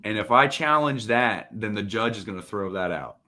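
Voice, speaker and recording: A man's voice: fairly low pitch, normal speed. A man, a defense attorney, chatting casually on a podcast and acting out what people said in his stories. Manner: animated storyteller, acts out quotes.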